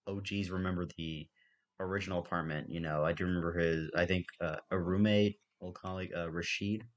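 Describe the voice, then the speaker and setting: Hushed, low-voiced man, casual reaction chat. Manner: hesitant, full of fillers and restarts. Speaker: reaction video host. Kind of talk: soft-spoken casual chat.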